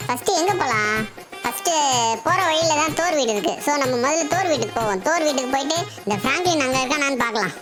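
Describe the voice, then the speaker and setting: An adult voicing a cheeky, mischievous little boy in a game role-play, chatty and quick to scold, with loud game music behind. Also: sits high, expressive. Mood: grumbling.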